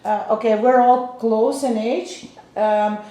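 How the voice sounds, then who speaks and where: A Belgian woman in her fifties, a real estate agent, chats casually with clients she's interviewing, explaining at length and restarting often. Her voice is a little high and dark, with a steady tone and a slow pace, recorded in an echoey room.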